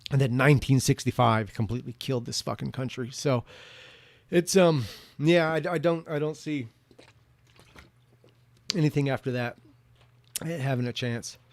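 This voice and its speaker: Male commentator, mid-pitched and closely dry-recorded, rambling monologue with stop-start, repetitive phrasing. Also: no room sound. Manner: halting, repeats words and restarts sentences often. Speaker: video commentator answering viewer questions.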